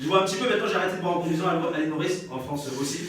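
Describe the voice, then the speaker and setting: A man performing a stand-up comedy routine on stage, telling his story in an animated way with emphatic repeats. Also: a little high, racing, distant mic, noisy background. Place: stage in a large venue. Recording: echoey hall with crowd, mic from afar. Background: live audience.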